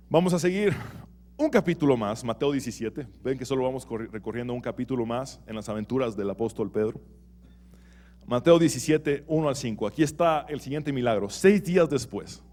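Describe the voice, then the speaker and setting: A man preaching a sermon in a church as pastor, animated, swinging between loud and soft and asking rhetorical questions. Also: medium pitch.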